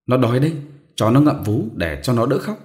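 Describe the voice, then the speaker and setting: A man's voice: medium pitch, sing-song, fairly quick, darkish tone, pitched above the performer's own voice, close to an everyday voice. A man voicing a grumbling, impatient old village midwife in a storybook reading. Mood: scolding. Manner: scolding, impatient.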